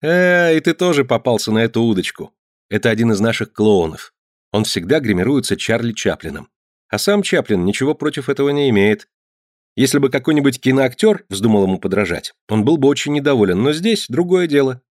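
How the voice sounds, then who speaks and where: A man's voice: medium pitch, lively intonation, a little fast, no room sound, clean studio sound, natural voice. A man reading aloud, voicing a cheerful, good-humoured young circus performer. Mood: amused.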